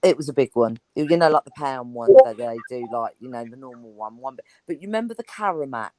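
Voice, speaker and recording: A woman's voice: very deep voice, animated, a little fast, warm tone, low-quality recording. A woman chatting casually as a guest, rambling and enthusiastic. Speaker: guest on an online chat show. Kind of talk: casual chat.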